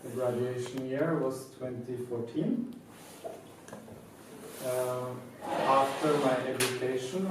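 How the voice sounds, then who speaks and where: A man in his thirties from Norway speaks slowly and methodically to a live audience. His voice sits in the middle range for a man. It comes from a distance in a very echoey room, with a faint hum behind it. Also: medium pitch. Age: 30s. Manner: measured, methodical, with pauses. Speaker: speaker presenting his company. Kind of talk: prepared talk to a live audience.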